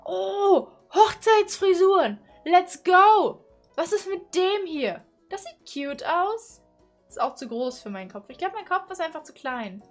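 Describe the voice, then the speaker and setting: A woman's voice: very high voice, expressive, a little slow, faint music behind. A woman of twenty-one, chatty and playful, commenting casually from a small bedroom into a condenser mic. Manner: chatty, playful, exclaims and giggles. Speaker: YouTuber. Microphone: studio condenser mic on boom arm.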